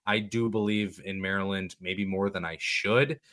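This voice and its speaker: A man on a sports podcast lays out his picks in a low, bright voice with some edge. He talks casually and weighs his words, pausing and correcting himself as he goes. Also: steady tone. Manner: thoughtful, hedging, many ums. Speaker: podcast guest.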